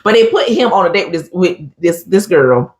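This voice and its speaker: Animated woman telling stories, echoey room. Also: lowish voice, brisk. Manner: animated storyteller who acts out quotes and keeps saying "honey". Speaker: co-host. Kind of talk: casual chat recapping a reality show.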